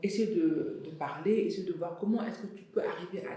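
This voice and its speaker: A woman's voice: lowish voice, a little fast, warm tone. A young woman from Senegal and Benin, a fashion entrepreneur, talking frankly and animatedly as a guest in a studio interview, with many hesitations. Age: young adult. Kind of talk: casual interview talk. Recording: very echoey room, distant mic.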